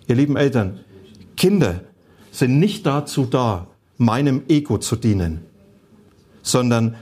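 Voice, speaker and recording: A middle-aged male pastor preaches a sermon, telling stories earnestly in a mid-range voice that's a little mellow and slightly rough. He quotes people by shifting into different voices.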